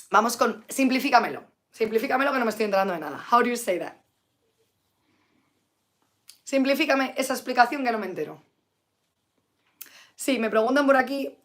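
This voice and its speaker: Hoarse woman teaching English. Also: a little high. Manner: chatty, mixes Spanish and English, reads out viewer comments. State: sick with flu, tired. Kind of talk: live-streamed English lesson.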